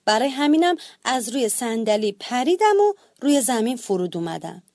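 A woman narrating a children's bedtime story in an expressive storytelling manner. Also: a little high, no room sound, clean studio sound.

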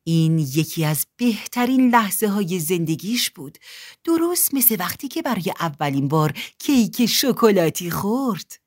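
A woman narrating a children's storybook in an expressive reading. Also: medium pitch.

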